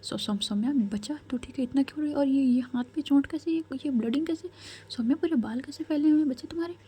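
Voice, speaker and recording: A frantic mother of a grown daughter, stammering and fussing over her in a raised, fretful voice, as a woman puts her on for a told story. The voice sits mellow and soft underneath the worry. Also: on the high side, normal speed, breathy edge. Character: anxious doting mother, middle-aged woman.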